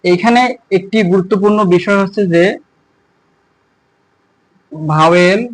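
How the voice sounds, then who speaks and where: A young man teaching an English lesson, halting and repeating himself as he explains and writes. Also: high-pitched, dry recording, poor audio. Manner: halting, repeats words while writing on a board. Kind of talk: spoken language lesson.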